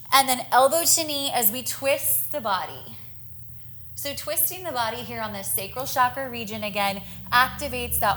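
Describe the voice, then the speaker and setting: A young female yoga instructor guides her class with upbeat cues timed to the breath, sounding slightly winded. Her voice is a touch high, bright and forceful, with a little background noise.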